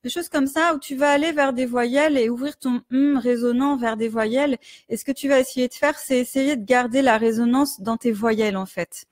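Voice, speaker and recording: A woman teaching singing in a live stream, explaining resonance gently with many fillers and breaking into hummed and sung demonstrations. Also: fairly high pitch, normal speed, few pauses, dry recording, clean studio sound. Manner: demonstrates hums, vowels and sung exercises. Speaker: vocal coach.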